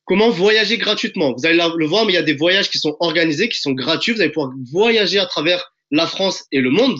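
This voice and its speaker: A man presenting a webinar from home in an energetic, pushy sales-pitch style, calling his audience friends. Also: fast talker, lo-fi sound. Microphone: video call.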